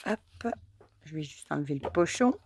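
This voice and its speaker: A woman's voice: low-pitched, expressive, moderate pace, darkish tone, a little hiss or hum. Chatty woman reviewing an oracle deck. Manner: chatty, enthusiastic, many fillers like euh and du coup. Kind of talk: casual card deck review with reading aloud.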